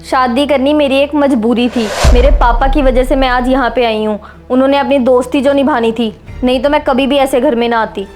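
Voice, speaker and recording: An actress playing a spoiled young wife who talks in a sharp, bossy, complaining way. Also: female voice, high voice, steady tone, brisk, few pauses, soft background music, lightly acted. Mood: scornful. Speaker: daughter-in-law. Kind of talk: short film acting.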